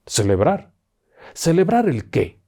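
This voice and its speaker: Grumpy hard-nosed trucker, a guy putting him on, snapping and muttering, low mellow tone. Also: lively intonation, a little fast. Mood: gruff annoyed. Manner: grumbling and short-tempered. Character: gruff ill-tempered middle-aged male truck driver.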